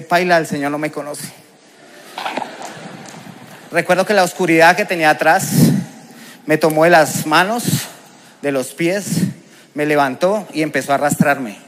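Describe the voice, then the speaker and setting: A man's voice: a little high, fairly bright tone, a little hiss or hum. A man with a Colombian accent giving a personal testimony as a preacher, telling it vividly and with emotion. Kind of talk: testimony sermon.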